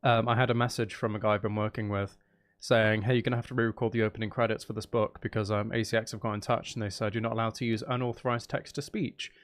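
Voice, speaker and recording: This lowish male voice shows little pitch movement and talks fast. He's a game streamer and audiobook narrator, casually chatting and rambling self-deprecatingly during livestream game commentary.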